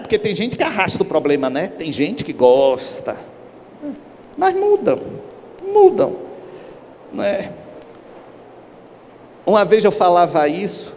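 A middle-aged man giving a spiritual lecture on a stage, telling stories and acting out the people in them. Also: high voice. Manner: lively storyteller, acts out characters. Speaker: spiritist speaker. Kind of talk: lecture with acted anecdotes. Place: large hall on a stage. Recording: echoey hall, faint background hiss.

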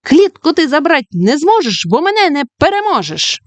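A stingy, scolding old witch from a fairy-tale audiobook, played by a woman narrator. Her voice jumps high and shrill as she taunts and threatens. The recording is dry and close. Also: lively intonation, unhurried, clear, resonant tone, dry recording. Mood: shouting.

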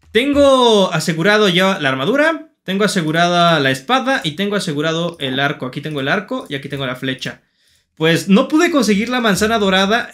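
A young man with a Mexican Spanish accent, commentating his own Minecraft game for viewers, thinking aloud and shouting when he finds something or meets an enemy. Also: high-pitched. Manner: excitable, talks to himself and viewers, shouts at finds and enemies. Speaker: gaming YouTuber. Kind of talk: Minecraft let's play commentary.

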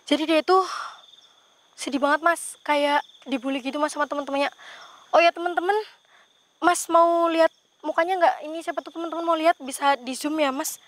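A woman's voice: high voice, fairly even intonation, a little fast. A woman vlogger narrating a night ghost hunt outdoors among trees, talking in a tense, exclamatory way to her companion.

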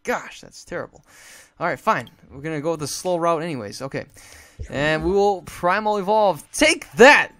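A man's voice: on the high side, normal speed. A young man commenting on his own card game match, rambling with many fillers and flaring into exasperated outbursts. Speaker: gameplay commentator. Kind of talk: casual gameplay commentary.

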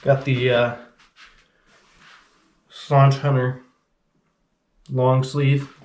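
A man's voice: medium pitch, flat delivery, very slow, a little mellow. Laid-back man in an echoey gear room. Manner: laid-back, rambling, says "freaking" a lot. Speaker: fishing channel host. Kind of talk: casual unboxing vlog. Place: small indoor gear room.

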